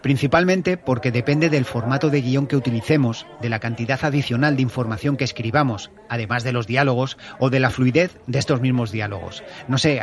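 A man hosting a podcast, answering listener questions in a measured, explanatory way as an audio drama director. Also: mid-range voice.

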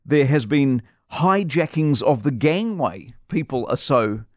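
A man's voice: medium pitch, expressive, a little slow, no room sound. Kiwi radio guy ranting, blunt and scornful, dry close mic. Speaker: radio host. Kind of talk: opinionated radio commentary. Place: radio studio.

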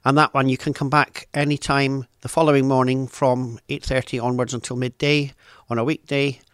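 A man explaining ticket options in a measured, matter-of-fact manner. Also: medium pitch, level tone, clear, resonant tone, no room sound, clean studio sound. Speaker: rail ticket expert.

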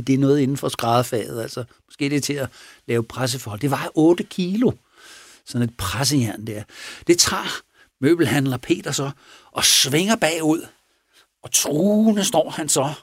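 A man casually retelling a true crime story, animated and chuckling as he goes, often checking in with his listener. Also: mid-range voice, dry recording, clean studio sound. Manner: chuckling, animated, asks for agreement.

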